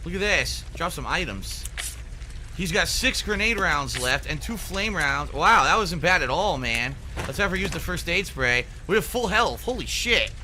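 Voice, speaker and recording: A man giving excitable, exasperated, sweary running commentary as he plays a video game. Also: fairly high pitch, moderate pace, slight background noise. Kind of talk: gameplay commentary. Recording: music behind the voice. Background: music.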